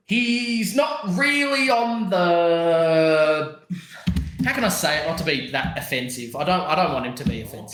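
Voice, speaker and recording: Australian young bloke, podcast co-host, high bright voice, swears and rambles, echoey room. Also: male voice. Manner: sweary, laughing, rambling banter. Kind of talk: casual chat.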